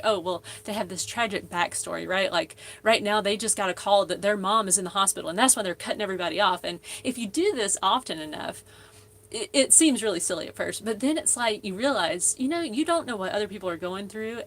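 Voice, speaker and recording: A woman's voice: mid-range voice, fairly bright tone. Chatty woman hosting a live Q&A. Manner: chatty, rambling, many fillers and restarts. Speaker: host of a live Q&A. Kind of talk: casual live-stream chat.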